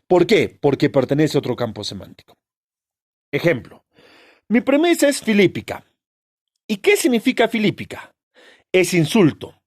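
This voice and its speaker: A male teacher with a high, very animated voice leads an exam-prep lesson, posing questions and answering them himself. He stresses each key term as he goes. The sound is dry and close, with no room echo.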